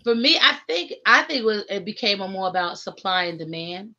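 A bright-toned woman, a rapper appearing as a guest, chats casually over a video call from a home studio decorated with framed records. Her mid-range voice swings widely in pitch and moves a little fast, earnest and reflective with frequent laughter. The webcam picks her up with dull, lo-fi sound.

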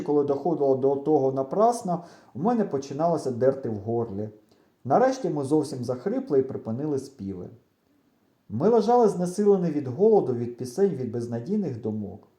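A man reads a children's adventure aloud, with animated storytelling that swings widely in pitch. His tone is dark and mellow but sits slightly high. The room around him is echoey. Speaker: audiobook reader. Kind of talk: expressive audiobook narration.

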